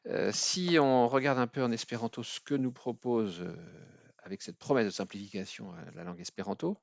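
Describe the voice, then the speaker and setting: A man from France teaching a language lesson at a board, hesitant with many fillers, slowing down to spell out each example word. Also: medium pitch, gravelly, dry recording, dull audio. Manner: slow, careful spelling-out of example words. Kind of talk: explaining at a whiteboard.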